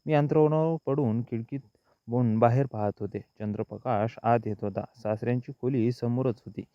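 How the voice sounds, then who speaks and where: Male story narrator, mid pitch, unhurried and even, lo-fi dry recording. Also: clear, resonant tone, no echo. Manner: slow, even first-person storytelling. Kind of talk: scripted audiobook narration.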